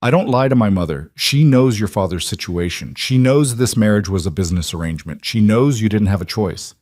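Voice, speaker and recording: A man voicing a controlled, possessive crime boss husband who speaks in calm, curt, matter-of-fact lines. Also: on the low side, fairly quick, no room sound, clean studio sound.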